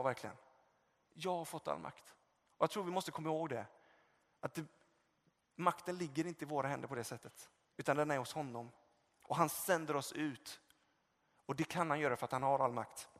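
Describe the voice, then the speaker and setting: Passionate preacher in an echoing hall. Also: male voice, on the high side. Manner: passionate, swings from loud calls to soft reflection; conversational with fillers and retold dialogue. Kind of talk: sermon. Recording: long reverb of a hall.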